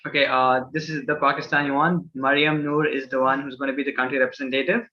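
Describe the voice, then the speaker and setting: A man's voice: medium pitch, little pitch movement, quick pace, lo-fi sound. A young man from a student association casually presenting campus events to new students, with many fillers and restarts.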